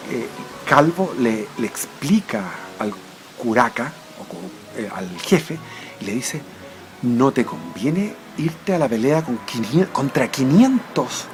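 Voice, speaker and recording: A man with a Chilean accent giving an informal, rambling history lecture, with frequent fillers and restarts. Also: mid-range voice.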